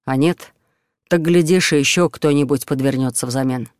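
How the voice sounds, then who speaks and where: A man voicing a calm, good-humoured outlaw leader who gives orders easily. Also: mid-range voice, normal speed, dry recording, studio quality, lightly acted. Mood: commanding.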